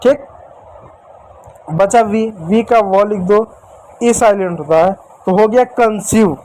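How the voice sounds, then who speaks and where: A man's voice: high-pitched, slow pace, darkish tone, low-quality recording. A male teacher giving a whiteboard spelling lesson, repeating himself and asking and answering his own questions. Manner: addresses viewers as dear children. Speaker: English teacher.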